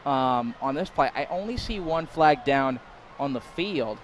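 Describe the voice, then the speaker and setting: A young man calls a college football game live, getting excited and shouting on the big plays, sometimes tripping over his words. His voice sits in the mid-range and moves a little slowly, with slight background noise behind it.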